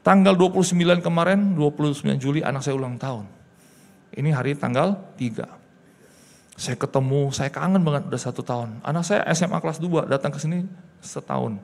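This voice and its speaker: A man from Indonesia preaching a sermon as a pastor, telling a personal testimony that swings from quiet to loud. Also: a little high, fairly quick, gravelly, long reverb tail. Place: church hall.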